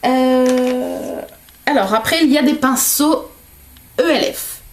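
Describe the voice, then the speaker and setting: A woman's voice: high voice, slow, a little hiss or hum. A woman vlogger chatting casually while unboxing gifts, hesitant and full of fillers. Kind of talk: casual gift unboxing vlog.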